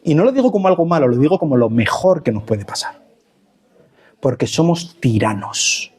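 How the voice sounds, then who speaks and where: A middle-aged pastor from Spain, preaching a sermon and acting out quoted pleas with sudden jumps in pitch. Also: male voice, very animated, normal speed, a little mellow, breathy edge.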